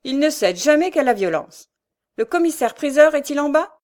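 A woman's voice: sits high, expressive, brisk, a little mellow, pitched above the performer's own voice. A woman voicing a stern, impatient male notary in an audiobook, curt and clipped. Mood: contemptuous. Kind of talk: audiobook character voice.

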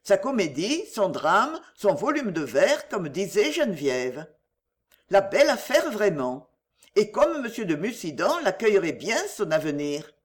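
Brief: woman narrator for a classic audiobook, lively expressive pitch. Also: measured pace.

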